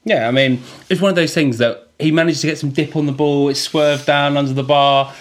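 A man co-hosting a casual football podcast, chatty and quick to laugh. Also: fairly high pitch, fairly even intonation. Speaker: podcast co-host.

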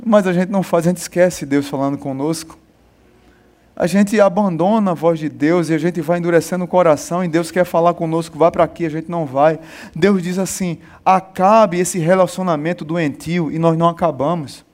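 A man's voice: on the high side, a little mellow. A man preaching a sermon, emphatic and talking straight to the congregation. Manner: emphatic, talks to the congregation, slows on key phrases. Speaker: pastor.

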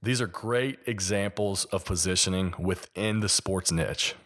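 This Kentucky-born podcast host and sports designer speaks in a deep, unhurried voice with a gentle Appalachian accent. Alone on his show, he explains ideas conversationally, walking through examples.

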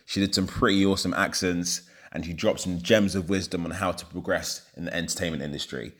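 Deep-voiced man introducing an interview. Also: steady tone, fairly quick. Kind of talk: scripted podcast introduction.

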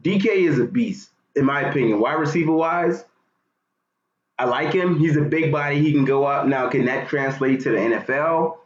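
A man's voice: fairly high pitch, normal speed. An American man co-hosting a sports podcast, talking casually and slangily, repeating phrases for emphasis. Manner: animated, slangy, emphatic repetition. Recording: roomy, slightly muffled, clearly noisy.

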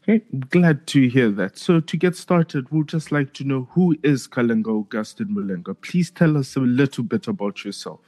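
A man's voice: mid-range voice, moderate pace, hardly any pauses, a little mellow. A man hosting a podcast, reading a scripted intro and asking polite interview questions. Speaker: podcast host.

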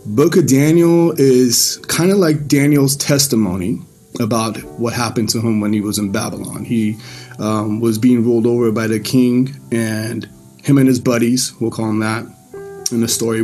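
An Iranian man gives his testimony of faith to a church gathering, relaxed and unpolished, with many pauses and restarts. His voice is dark in tone and medium in pitch.

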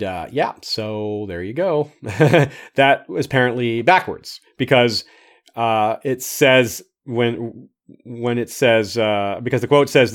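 A man hosting a livestream, reading a listener's comments aloud and adding his own casual remarks. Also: mid-range voice. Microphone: streaming microphone.

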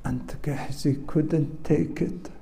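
A man preaches a sermon at an unhurried, deliberate pace, leaning on repeated phrases for weight. His voice is mellow and dark, and his English carries small grammar slips. He sits a little high for a man. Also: vocal fry, poor audio.

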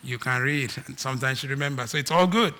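There's slight background noise as a man from Nigeria, with a Nigerian accent, preaches at a quick pace in a mid-range voice. He shifts between loud emphatic declarations and quiet asides.

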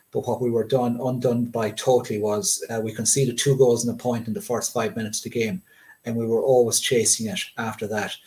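A middle-aged Irishman from Limerick speaks in a west of Ireland accent. His pitch moves little as he reminisces about sport, laying out details in a measured, conversational way. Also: darkish tone.

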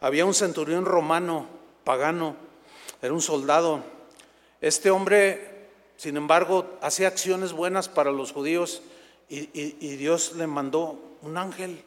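A man from Mexico preaching a Sunday sermon as pastor, animated and acting out scenes from scripture in quoted voices. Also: a little high, unhurried, in a large hall. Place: church sanctuary.

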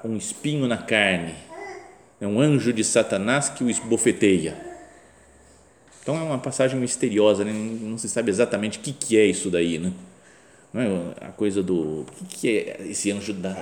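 Brazilian priest preaching casual-like, acts out voices, echoey room with a bit of background hum. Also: male voice, fairly low pitch. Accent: Brazilian Portuguese. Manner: conversational, acts out quoted voices, tag questions. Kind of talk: sermon. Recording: echoey room with faint ambience.

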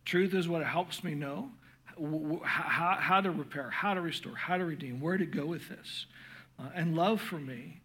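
A middle-aged man teaching parents in an earnest, passionate sermon, stumbling over restarts, his voice growing hoarse. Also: a little high, normal speed, a bit bright. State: losing his voice.

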